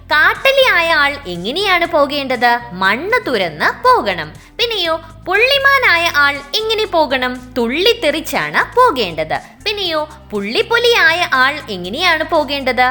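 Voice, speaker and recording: High, lively woman teaching young children. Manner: sing-song, questioning children with "alle?" tags. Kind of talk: lesson reading aloud for young children.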